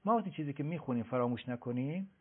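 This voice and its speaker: A man's voice: medium pitch, animated, breathy edge. A man giving study advice on a radio show, lecturing emphatically and speaking directly to listeners. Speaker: education advisor. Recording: tinny phone-like sound.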